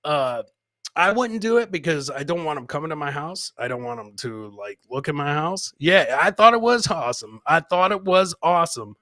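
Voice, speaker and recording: With a slightly high, animated, sharp voice at a moderate pace, this middle-aged comedy podcast host banters and curses through a laid-back live stream. He hams it up for listeners and repeats lines for emphasis, and the studio sound is clean and echo-free.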